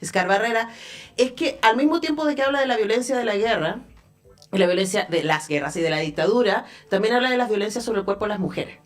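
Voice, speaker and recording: A Chilean woman hosts a radio interview from the studio and talks at a brisk, rapid clip. She muses aloud and keeps the talk flowing, with a mid-range pitch. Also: animated. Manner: conversational, thinks aloud with fillers. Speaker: radio host.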